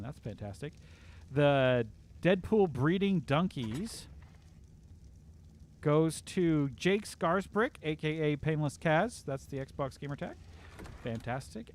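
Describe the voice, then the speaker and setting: A man hosting a casual game livestream from home, chatting in an upbeat way and reading viewer comments aloud. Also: on the high side. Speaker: livestream host. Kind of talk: casual live-stream chat.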